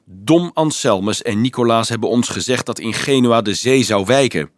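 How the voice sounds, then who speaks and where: A man's voice: mid-range voice, expressive, moderate pace, no echo, clean studio sound, lightly acted. A man reading a strong young camp guard who challenges the leader with indignant conviction.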